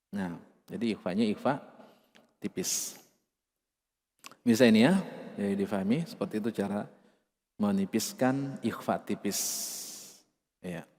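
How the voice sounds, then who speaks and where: A man with an Indonesian accent teaching Quran recitation rules, patiently explaining and slowly chanting drawn-out example words. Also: lowish voice, a little mellow, in a large hall. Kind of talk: tajwid lesson with chanted examples.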